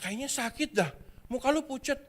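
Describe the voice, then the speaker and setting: A man's voice: extremely high pitch, normal speed, voice pushed up. A man voicing a concerned young male student who keeps pressing his friend in slang. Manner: insistent, repeating the worry in slang.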